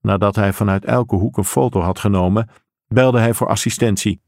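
A man reading a crime story aloud in steady, measured scripted narration. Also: on the low side, vocal fry, dry recording, clean studio sound. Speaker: audiobook narrator.

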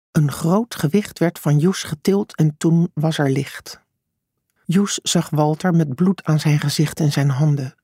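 Audiobook narrator, breathy voice, dry close sound, hushed measured delivery. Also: mid-range voice, no room sound.

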